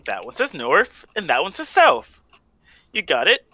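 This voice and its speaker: A man's voice: fairly high pitch, wildly swooping pitch, measured pace, bright, forceful tone. A man playing in a tabletop game, talking casually and a bit hesitantly. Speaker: player. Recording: dull dry lo-fi mic.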